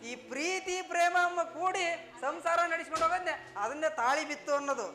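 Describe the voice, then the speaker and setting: Man playing a cowardly comic husband, high whiny pleading, live village stage sound. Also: fast talker, bright, forceful tone. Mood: boastful. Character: frightened comic village husband, boastful then whimpering. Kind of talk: live folk stage drama. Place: open-air village street stage. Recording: echoey open-air stage, band music behind.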